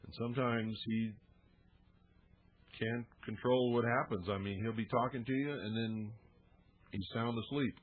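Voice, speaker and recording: A man's voice: medium pitch, steady tone, measured pace, pauses often. A man hosting a radio talk show, making an earnest, heartfelt appeal with folksy fillers. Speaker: radio host. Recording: narrow phone-like radio audio.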